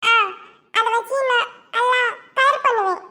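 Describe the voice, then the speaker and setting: A woman's voice: very high-pitched, measured pace, bright, forceful tone, full character voice. A woman voicing a chatty preschool girl in a cartoon, with childish baby talk. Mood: chirpy. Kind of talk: cartoon web series voice acting.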